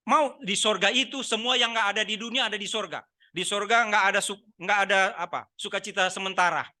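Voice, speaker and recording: A man's voice: sits high, fairly even intonation, a little fast, bright, forceful tone. A man preaching a Sunday sermon in church, talking with the congregation and teasing them with questions. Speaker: pastor. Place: church service.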